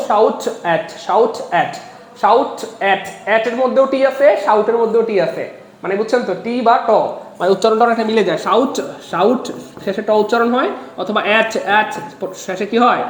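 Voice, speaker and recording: High-voiced energetic tutor. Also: male voice, reverberant. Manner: energetic, repeats phrases, asks the audience questions. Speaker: exam-prep English teacher. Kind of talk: online class lecture.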